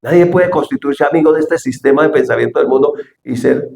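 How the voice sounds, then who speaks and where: A man's voice: on the high side, brisk, gravelly, darkish tone, reverberant. A man preaching a sermon, asking the congregation questions and acting out quoted speech with dramatic voices.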